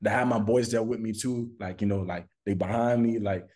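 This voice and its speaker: A man with a fairly low, darkish voice talks briskly and with fairly even intonation. He's an American recording artist from Florida chatting casually in an interview, using slang and repeating phrases for emphasis.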